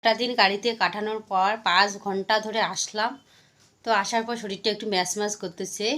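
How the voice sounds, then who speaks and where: A woman with a slightly hoarse voice, chatting casually to viewers as a vlogging mother and narrating what she is doing. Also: medium pitch, fairly even intonation, brisk, a bit bright.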